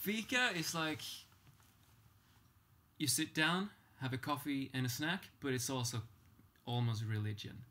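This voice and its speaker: Swedish guy, first language swedish, laid back and amused, mid pitch. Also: a little slow, pauses often, bright, forceful tone. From Sweden. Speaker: student. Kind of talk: casual panel chat.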